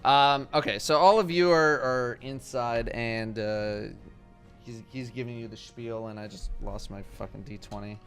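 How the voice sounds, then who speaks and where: A man's voice: mid-range voice, unhurried, fairly bright tone, faint music behind. A man talking casually and informally as game master of a tabletop game. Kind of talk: casual chat while running a tabletop game.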